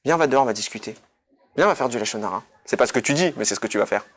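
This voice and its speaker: A man's voice: medium pitch, animated, rapid-fire. A man giving a passionate sermon, emphatic and sprinkling in Hebrew terms. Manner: emphatic, rising to near shouts; mixes Hebrew terms into casual speech. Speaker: rabbi giving a weekly Torah talk.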